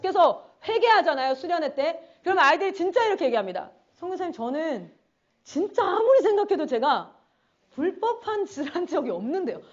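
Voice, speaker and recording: A woman's voice: high-pitched, dull audio. A woman missionary giving a conference sermon, telling stories animatedly and acting out her students' voices. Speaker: missionary speaker.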